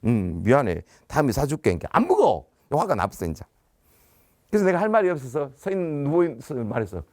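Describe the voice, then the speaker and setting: A man's voice: fairly high pitch, huge pitch swings, fast, a little mellow, no echo, studio quality. A man, a teacher, giving a storytelling lecture and animatedly acting out dialogue. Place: business center lecture.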